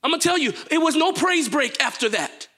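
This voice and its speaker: Young guy preaching in church, really high bright voice, gets shouty and calls on the crowd. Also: lively intonation, a little fast. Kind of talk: sermon.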